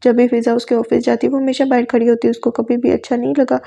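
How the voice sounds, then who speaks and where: Brief: female storyteller, somewhat high pitch, even scripted narration. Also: gravelly. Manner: steady, even reading. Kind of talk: scripted audio novel narration.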